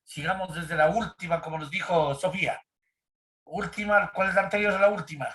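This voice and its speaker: A man's voice: sits high, fairly even intonation, fairly quick, sharp tone. Teacher, a man, quizzing students. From Ecuador. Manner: keeps checking in with "¿sí?" and questioning students. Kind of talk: online grammar class.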